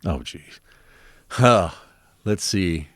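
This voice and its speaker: Interviewee, man, very low voice, chatty rambling storyteller, dry recording. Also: lively intonation, extremely slow, no room sound. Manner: rambling storyteller with many ums, acting out quoted exchanges.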